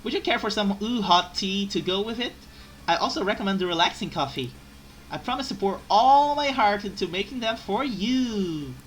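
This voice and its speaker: A woman's voice: medium pitch, lively intonation, moderate pace, slight background noise, lightly acted. A woman voicing a timid, clumsy maid who speaks as a servile, pleading, apologetic servant to her masters in a video game. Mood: eager, servile.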